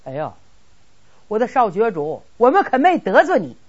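A woman's voice: a little high, huge pitch swings, normal speed, husky, full character voice. A woman voicing a timid, fretful household servant who pleads nervously, on a dull lo-fi recording.

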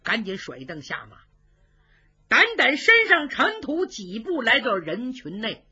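A woman's voice: on the high side, wildly swooping pitch, unhurried, bright, forceful tone. A woman telling a traditional story in a vivid, rhythmic manner, voicing sound effects. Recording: dull lo-fi recording.

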